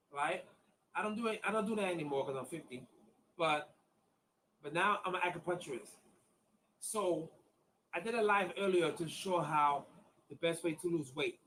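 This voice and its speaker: A fifty-year-old acupuncturist gives a casual online demonstration, chatting, repeating himself, and calling viewers "y'all." His voice is fairly high and a bit bright, captured in a rough recording with slight background noise.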